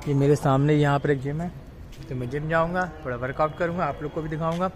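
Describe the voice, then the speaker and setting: A man's voice: on the high side, fairly even intonation, quick pace. Chatty young man vlogging on a phone. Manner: chatty, addresses viewers as friends. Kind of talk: casual vlog narration. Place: apartment complex gym and game room, indoors and outdoors. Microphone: phone camera held at arm's length. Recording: noisy phone recording.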